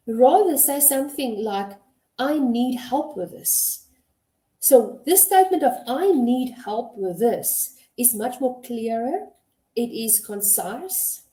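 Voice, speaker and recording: Calm, measured woman coach, echoey room. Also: fairly high pitch. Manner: measured, deliberate, stresses key words. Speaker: host and communication coach. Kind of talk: motivational talk to camera.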